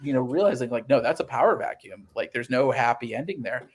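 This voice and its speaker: Speaking fast with lively intonation, this slightly rough-voiced man sits in his mid range. He's a comic book writer in his thirties, guesting on an interview, earnestly explaining his creative work through conversational stories and performing the quotes he recounts.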